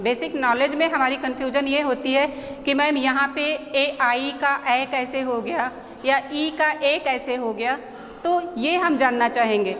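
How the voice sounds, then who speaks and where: A woman with an Indian accent teaching an English spelling lesson at a board, slowly spelling out letters and their sounds one by one. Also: high voice, fairly bright tone. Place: school classroom. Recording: reverberant room, faint background noise.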